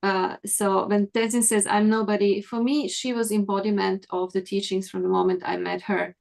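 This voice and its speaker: Woman, host, earnest tone, gravelly voice, middle pitch, video call. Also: level tone, moderate pace, darkish tone. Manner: earnest, thankful, with restarts and fillers. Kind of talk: reflective speech to an online group.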